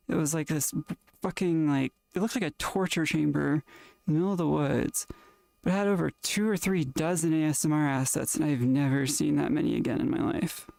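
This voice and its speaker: Gravelly sick-voiced streamer, rambling. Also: medium pitch, a little mellow, no echo. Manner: rambling, trailing off with fillers and restarts. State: sick, rough-sounding voice. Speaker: live streamer. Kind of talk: casual live-stream chat with viewers. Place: at home in a VR play space.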